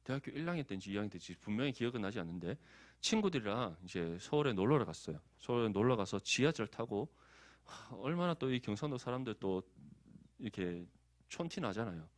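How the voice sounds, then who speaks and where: Speaking quickly in a lowish voice, this Gyeongsang-accented man from Daegu, South Korea, preaches as pastor in a conversational, animated way, seeking the congregation's agreement. The recording has no echo.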